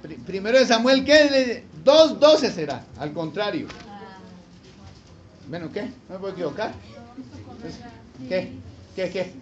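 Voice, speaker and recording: A man's voice: high voice, expressive, measured pace, pauses often. A man preaching a sermon as a pastor, talking animatedly with rhetorical questions and acted-out voices. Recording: slightly dull lo-fi sound with faint noise.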